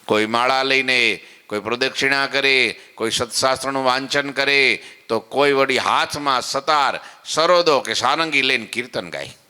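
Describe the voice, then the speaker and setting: A man's voice: mid-range voice, normal speed, pushed and bright, clear, resonant tone, big-room sound. A man giving a devotional sermon, folksy and conversational, acting out listeners' complaints and asking if they follow. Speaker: swami giving morning katha. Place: temple hall.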